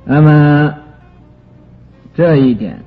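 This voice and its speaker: A man giving a Buddhist sutra commentary lecture, explaining terms slowly with many drawn-out fillers. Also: fairly high pitch, expressive. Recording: tinny lo-fi recording with faint music.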